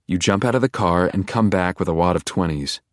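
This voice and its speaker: A man with a very low, deep voice reads a first-person audiobook. His delivery is intense and brooding, like a private monologue. The recording is close and completely dry. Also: a little fast, no room sound. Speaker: audiobook narrator.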